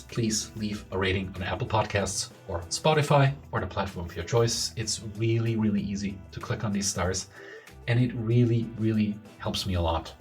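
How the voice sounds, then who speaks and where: A man hosting a podcast who earnestly asks for listener support and introduces his guest, repeating words for emphasis. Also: lowish voice. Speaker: podcast host. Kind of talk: podcast host appeal and introduction.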